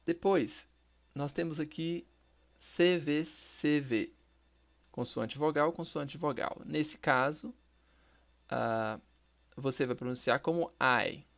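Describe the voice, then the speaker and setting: A man teaching a recorded English lesson. His voice has a gravelly, fry-laden edge, and he takes his time, speaking slowly and deliberately. He repeats each example phrase so learners can follow. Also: fairly high pitch, a bit bright.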